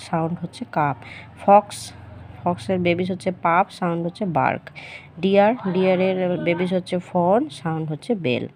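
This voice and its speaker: A woman teacher, explaining a children's workbook lesson patiently and repeating the answers slowly. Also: fairly low pitch, dark tone.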